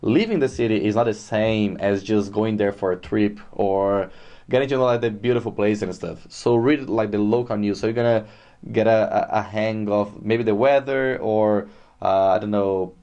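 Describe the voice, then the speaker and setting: Low, mellow Brazilian man chatting. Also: moderate pace, muffled recording. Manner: relaxed, chatty, many fillers. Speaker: guest. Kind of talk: casual interview. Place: Dublin.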